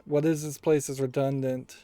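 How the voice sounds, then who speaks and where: A man hosts a video game playthrough, offering casual, analytical commentary and musing aloud as he plays. His voice is medium-pitched, mellow and flat, at a normal speed, with no room sound and game music in the background.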